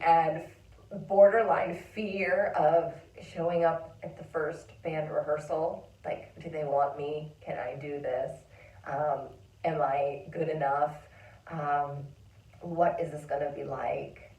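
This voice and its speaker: Lowish woman rambling warmly about her day, lots of likes and ums, roomy room sound, kinda far from the mic. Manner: emotional, chatty, many fillers, whispers inner thoughts. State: tearful at times. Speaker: vlogger and songwriter. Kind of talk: reflective casual monologue.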